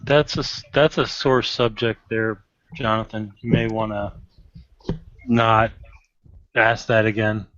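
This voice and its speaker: A man acting as game master, talking in a deliberate way and checking rules aloud. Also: lowish voice, level tone, fairly bright tone, muffled recording, a little hiss or hum. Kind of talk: narrating a tabletop game.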